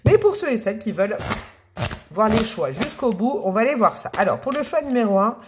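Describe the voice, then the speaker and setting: With background noise behind her, a tarot reader talks a little fast in a voice on the high side that swings widely in pitch. She gives viewers a casual, affectionate reading full of pet names and excited exclamations over the cards.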